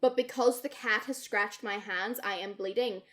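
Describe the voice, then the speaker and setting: At a moderate pace and in a mid-range voice, this young woman tells a story while co-hosting a podcast in casual chat. Her delivery is lively and full of swearing, and she acts out other people's words.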